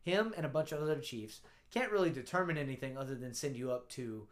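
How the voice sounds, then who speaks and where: A man's voice: medium pitch, fast. Profane man telling a war story. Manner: profane, animated storyteller acting out dialogue. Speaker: Navy veteran guest telling a story. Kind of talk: casual storytelling.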